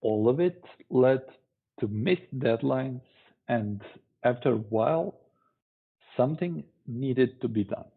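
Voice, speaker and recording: A man giving a conference tech talk, speaking in a measured, deliberate way with pauses. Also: medium pitch, expressive, slightly rough. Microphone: online talk stream. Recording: tinny phone-like online stream audio.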